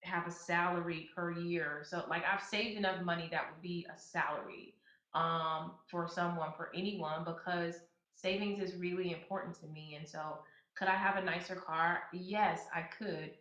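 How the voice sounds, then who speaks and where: A woman in her thirties talks through money tips in a loose, chatty way, full of little restarts, and leans in hard when she makes a point. Her lowish voice has a bright, forceful edge. The room echoes and the sound is a bit dull. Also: fairly even intonation, moderate pace. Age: 30s. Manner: chatty, with many fillers and restarts, turning emphatic when giving advice. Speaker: podcast host. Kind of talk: casual advice monologue.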